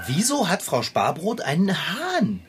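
A man's voice: high-pitched, wildly swooping pitch, a little slow, heavy background noise, heavily acted. A man voicing a friendly, easygoing bicycle mechanic in a cartoon.

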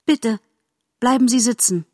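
A woman's voice: a little high, measured pace, no echo, clean studio sound, voice pushed up. A woman voicing a young, polite male fawn in a storybook, eager and modest. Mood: admiring.

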